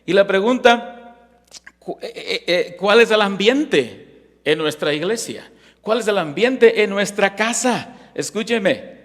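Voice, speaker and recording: A man's voice: sits high, fairly bright tone. A male pastor preaching a sermon in a church, emphatic and full of rhetorical questions, often checking in with "ok?". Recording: echoey hall reverb.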